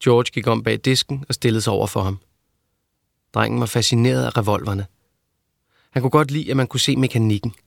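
A man narrating a novel in a steady, even reading voice. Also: medium pitch, vocal fry, long pauses, dry recording, clean studio sound. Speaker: audiobook narrator. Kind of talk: scripted narration.

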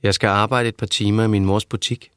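A man voicing a calm, persuasive young man who speaks slowly and patiently in an audiobook. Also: on the low side, smooth, dry recording, clean studio sound, natural voice. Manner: slow, soothing, measured.

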